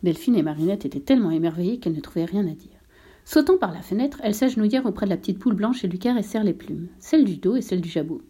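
Woman reading a storybook, mellow. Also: medium pitch, expressive, rapid-fire, breathy edge. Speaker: narrator.

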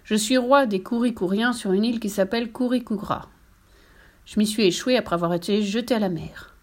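A woman's voice: medium pitch, a little fast, close to an everyday voice. A woman voicing a big, jolly sea captain father who boasts about his adventures, in a storybook reading. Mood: boastful.

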